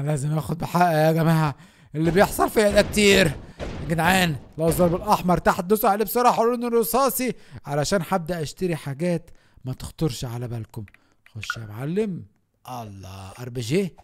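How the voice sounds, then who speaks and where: A young man with an Egyptian Arabic accent giving excited gameplay commentary as a gaming YouTuber, often shouting and laughing. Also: a little high, fast, slight background noise.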